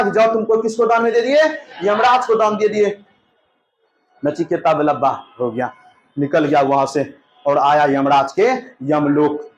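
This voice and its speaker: High-voiced man telling a story in class. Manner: lively storytelling, acting out dialogue with asides to students. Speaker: teacher. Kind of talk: exam-prep history lesson told as a story.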